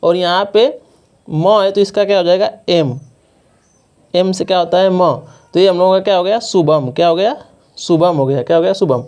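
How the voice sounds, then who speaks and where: Male teacher, clear ringing tone, repeats each point as a question and answer. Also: high-pitched, normal speed, darkish tone. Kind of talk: classroom lesson explaining spelling.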